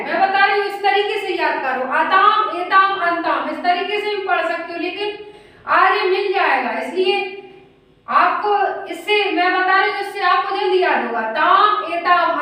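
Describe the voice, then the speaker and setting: High-pitched woman teaching in an echoey room. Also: bright, forceful tone, distant mic. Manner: patient, repetitive drilling, addresses students as children. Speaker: Sanskrit grammar teacher. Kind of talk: classroom-style lesson at a whiteboard.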